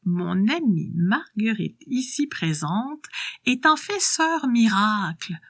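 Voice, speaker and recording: A woman voicing an old coquettish lady in a storybook, confiding a secret in a hushed whisper. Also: on the high side, measured pace, dry recording, clean studio sound. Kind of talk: storybook character dialogue.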